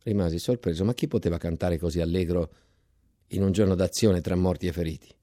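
A man reading a novel aloud in a measured, dramatic storytelling style, recorded in a radio studio. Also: sits low, dark tone, no echo. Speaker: reader of a novel. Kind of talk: scripted literary reading.

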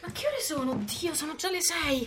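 A woman's voice: extremely high pitch, sing-song, brisk, background noise. A cheeky teenage girl. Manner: cheeky, self-assured. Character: sharp-tongued fifteen-year-old girl, proud and witty. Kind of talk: radio drama acting.

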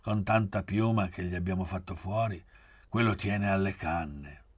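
A man reading aloud and voicing a calm, plain-spoken farmer, the older of two brothers. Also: sits low, normal speed, husky, no echo. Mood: easygoing.

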